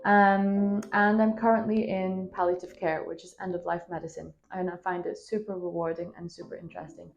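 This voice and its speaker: A woman's voice: fairly low pitch, little pitch movement, fairly quick, gravelly, hardly any pauses, dull audio, soft background music. A young woman in her twenties, raised in Scotland, chatting casually to camera in a rambling, self-deprecating way, recorded on a phone with a small microphone. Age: 20s. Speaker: vlogger. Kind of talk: casual vlog talk to camera. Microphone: phone with plug-in microphone.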